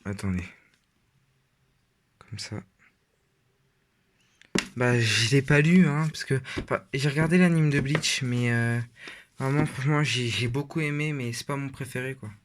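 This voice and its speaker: A teenage boy talks in a loose, casual way, stopping often on fillers and restarting his sentences. His pitch sits in an ordinary middle range for a young male voice. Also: measured pace, pauses often, a little hiss or hum. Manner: rambling, hesitant with many fillers. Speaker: vlogger. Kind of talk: casual shelf tour.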